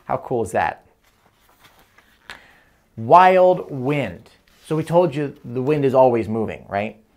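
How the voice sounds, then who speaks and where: An American man in his thirties reads aloud to young children, explaining things simply in an animated way with chatty asides. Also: mid-range voice, a little fast. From United States, Atlantic City area. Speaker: children's book reader and weather presenter. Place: indoor studio in front of a green screen.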